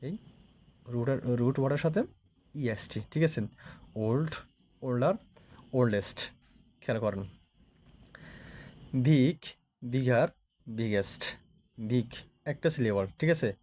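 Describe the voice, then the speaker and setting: A man's voice: medium pitch, a little slow, long pauses, warm tone, slight background noise. A Bangladeshi man teaching English grammar in a recorded lesson, repeating each point and often asking the students if they follow. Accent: Bangladeshi Bengali. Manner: repetitive, checks understanding with frequent questions. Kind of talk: recorded classroom-style lesson.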